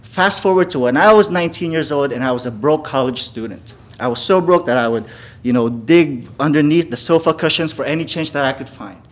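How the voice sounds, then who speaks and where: Before a live audience at a venue, a Filipino man whose first language is Filipino tells personal stories. His voice is on the high side and fairly quick, and he keeps checking in with the crowd by asking "okay?"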